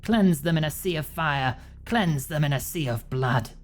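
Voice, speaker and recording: A man's voice: on the high side, animated, normal speed, natural voice. A man voicing a bitter, defiant woman conspirator from a video game, accusing and dramatic. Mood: defiant, invoking. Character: bitter, defiant betrayed woman conspirator invoking a demon judge. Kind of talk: video game dialogue read aloud. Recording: music behind the voice.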